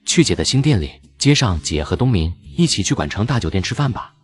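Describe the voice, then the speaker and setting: A teasing young uncle and company boss, played by a man in a cartoon drama. His voice sits very low but swings widely, and he talks fast in a playful, ribbing way. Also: big pitch swings, breathy edge.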